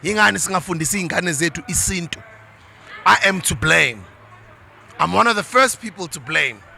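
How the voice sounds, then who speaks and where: With a high, animated, gravelly voice and a sharp tone, a middle-aged South African man speaks at normal speed in a fervent, preachy motivational monologue aimed at parents, moving into isiZulu now and then. A little hiss or hum sits in the recording.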